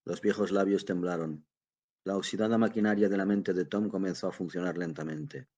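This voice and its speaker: A man narrating an audiobook in a grave, unhurried manner, with a husky voice. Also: low voice, steady tone, darkish tone, dull audio. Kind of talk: scripted narration.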